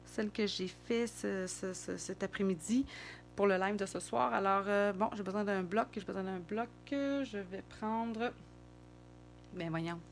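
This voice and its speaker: A woman's voice: medium pitch, measured pace, soft background music. A middle-aged woman with a Québécois French accent, chatting casually and thinking aloud as she demonstrates card making.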